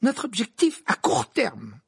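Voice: medium pitch, animated, a little fast, darkish tone, breathy edge, dry recording, clean studio sound, pitched above the performer's own voice. An audiobook reader voicing Hermione, an earnest, bossy teenage witch who lectures with eager insistence. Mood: ardent. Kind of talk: audiobook character voice.

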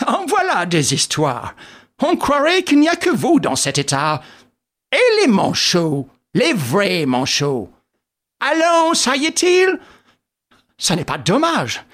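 A man's voice: sits high, sing-song, unhurried, a bit bright, voice pushed up, heavily acted. A man reading an audiobook, voicing a self-satisfied English detective who talks in a hearty, bossy way.

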